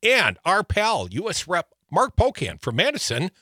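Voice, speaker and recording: A man's voice: high voice, wildly swooping pitch, normal speed, bright, forceful tone, dry recording, clean studio sound. A man from Wisconsin co-hosting a political talk show, reading news items aloud with wry, joking asides. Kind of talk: casual political banter.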